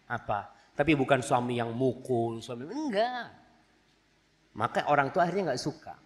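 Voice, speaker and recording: This Islamic preacher speaks at medium pitch and a moderate pace, his voice carrying the sound of a big room. Throughout the sermon he brings his stories to life by performing the quoted voices of their characters.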